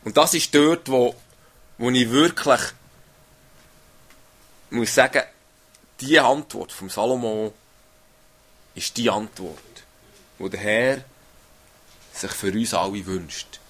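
A man's voice: medium pitch, takes it slowly, pauses often, fairly bright tone. A man giving an earnest sermon, reading Bible passages aloud and often adding tag questions. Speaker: preacher.

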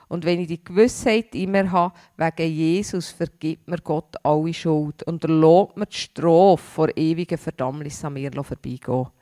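A woman's voice: deep voice, a little mellow, no room sound, clean studio sound. Earnest woman. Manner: earnest, unhurried, sometimes hesitant with restarts. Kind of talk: informal devotional talk.

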